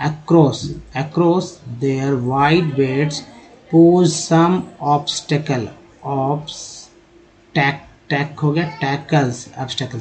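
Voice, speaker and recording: Male teacher, fairly high voice, very slow deliberate delivery, spells out word parts before reading them. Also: warm tone, poor audio. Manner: sounds out spelling chunks, repeats words slowly.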